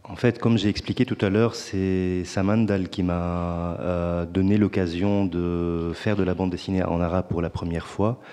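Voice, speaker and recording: Deep-voiced man speaking slowly in hall echo. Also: flat delivery, dark tone, clean tone. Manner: measured, hesitant with many pauses. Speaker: panelist, comics artist. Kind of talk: panel talk. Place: conference hall. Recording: reverberant lecture hall.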